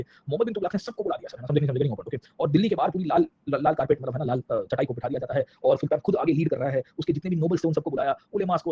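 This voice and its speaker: A man lectures on history at a very fast clip, his voice mellow and a little high for a man. He peppers the talk with English phrases and keeps checking that his students follow. The recording is slightly dull, with faint noise behind him. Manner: mixes English phrases, keeps asking "samjhe?" and "getting involved, okay?"; adds asides about exam prep. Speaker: history teacher.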